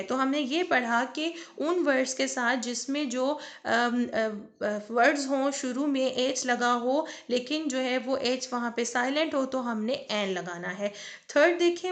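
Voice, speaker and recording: Slow, high-voiced woman teaching grammar. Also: a bit bright. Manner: slow, reads English example phrases out deliberately; frequent fillers and restarts. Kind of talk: explaining grammar tutorial.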